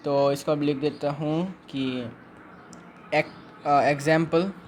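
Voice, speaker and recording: A male teacher giving an online class, explaining step by step and slowing down to dictate notes. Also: a little high, steady tone, slight background noise. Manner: explains step by step, mixing Hindi and English, dictating notes slowly.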